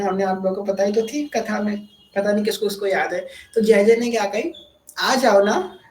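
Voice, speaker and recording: A woman giving a devotional story sermon, who tells the tale with feeling and briefly acts out the lines of the people in it. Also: mid-range voice. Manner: animated, acts out quoted dialogue. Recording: echoey room.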